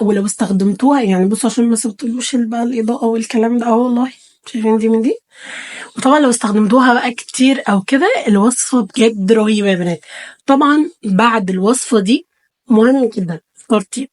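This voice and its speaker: A woman's voice: a little high, a little mellow. A woman with an Egyptian Arabic accent giving a chatty home beauty tutorial to her phone camera, talking to her viewers as girls. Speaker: beauty vlogger. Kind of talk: casual tutorial talk to camera. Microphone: phone camera held close.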